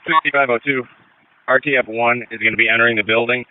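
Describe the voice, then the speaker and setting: A police officer on scene giving brisk, businesslike reports over a walkie-talkie. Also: male voice, mid-range voice, steady tone, clean tone. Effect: heard over a police walkie-talkie. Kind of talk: terse radio reports. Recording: tinny radio transmission.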